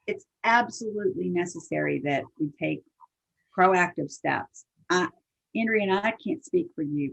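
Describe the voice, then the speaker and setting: An older woman, a singer-songwriter being interviewed, talking casually in a halting way that restarts and repeats words. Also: on the low side, vocal fry, breathy edge. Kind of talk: casual conversation. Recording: dull lo-fi audio.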